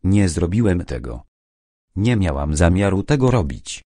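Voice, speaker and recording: A man reading the part of a jealous, defiant young wife, in his own low voice. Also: sing-song, a little slow, warm tone, no room sound, studio quality, heavily acted. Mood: bitter.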